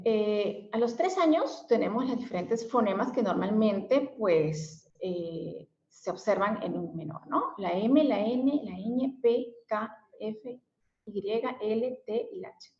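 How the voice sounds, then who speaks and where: A woman's voice: medium pitch, animated, slow, darkish tone. A woman giving an explanatory lesson as a special education teacher, often adding fillers and tag questions. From Mexico. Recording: echoey room, dull lo-fi sound.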